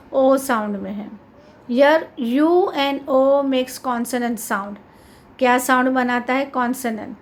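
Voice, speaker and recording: Woman teacher, Indian accent, high voice, slow deliberate English drills with quick explanations, classroom lesson. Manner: reads English words slowly and clearly, explains quickly in Hindi, quizzes with questions.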